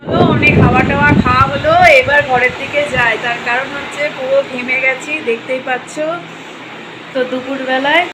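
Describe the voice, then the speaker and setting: A woman's voice: sits high, flat delivery, brisk. A woman with a Bengali accent chatting to her viewers in a casual home vlog, addressing them as friends. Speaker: lifestyle vlogger. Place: home, partly on a balcony. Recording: loud background noise from a home. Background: fan and water pump machine noise.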